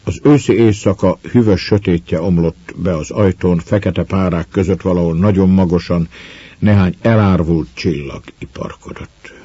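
A man narrating an audiobook in a measured storytelling manner. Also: low-pitched, dark tone, slightly rough, dry recording, highs cut off. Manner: measured storyteller, voices the characters. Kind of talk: audiobook reading of a novel.

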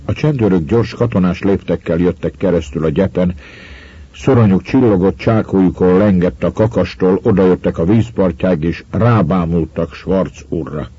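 A man reading a story aloud with expressive, dramatic narration. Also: low-pitched, slightly rough, dry recording. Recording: muffled lo-fi recording.

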